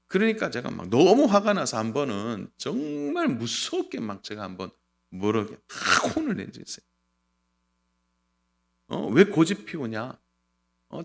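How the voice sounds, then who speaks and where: A middle-aged male pastor giving an earnest sermon, swinging between loud and soft. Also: mid-range voice, creaky. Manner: lively, earnest preaching with sudden loud and soft turns.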